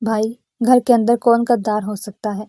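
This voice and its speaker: A woman's voice: on the high side, flat delivery, warm tone, no echo, studio quality, natural voice. A woman voicing a worried young sister who asks concerned questions.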